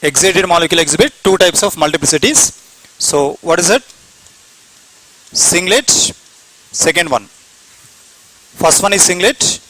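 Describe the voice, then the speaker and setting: Bright high-voiced Indian chemistry lecturer. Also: male voice, lively intonation, unhurried, pauses often, dry recording, poor audio. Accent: Indian English. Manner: repetitive, asks and answers own questions. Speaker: chemistry teacher. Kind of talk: classroom lecture.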